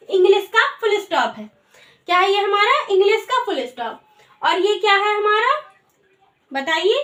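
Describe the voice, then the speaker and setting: High-voiced woman teaching in an echoey room. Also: fairly bright tone. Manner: asks questions then answers them herself. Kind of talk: online Hindi grammar lesson. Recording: echoey room, voice far from mic.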